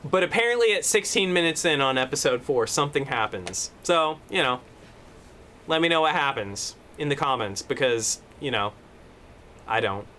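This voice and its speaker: This man co-hosts a loose, casual podcast, talking in a bright, somewhat high voice. He rambles, swears freely, and acts out his points as he goes. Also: animated, moderate pace, slight background noise. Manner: profane, rambling, demonstrative. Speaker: podcast co-host. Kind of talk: casual chat. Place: room at home. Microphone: desk microphone.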